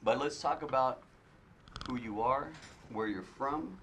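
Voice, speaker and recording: A man's voice: mid-range voice, unhurried, a bit bright. A man hosting a casual real estate podcast, upbeat and loose, with lots of fillers. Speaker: podcast host. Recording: faint background noise.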